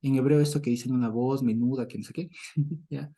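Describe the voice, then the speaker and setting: A middle-aged man delivers a conversational Bible teaching full of chuckles, pausing to check in with listeners. Moving briskly in a steady mid-range voice, he jumps between mock-preacher loudness and gentle murmurs.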